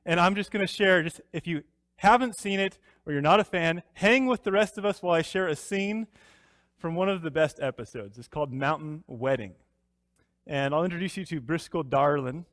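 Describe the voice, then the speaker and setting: A man's voice: on the high side, a bit bright, dry recording, clean studio sound, long reverb tail. A man pastor preaching a sermon, telling a story in a folksy way before turning earnest.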